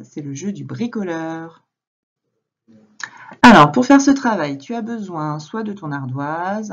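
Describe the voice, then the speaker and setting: A female primary school teacher records a reading lesson for a young child at home, speaking slowly and patiently and addressing the child directly. Her voice is on the low side, and the highs are cut off.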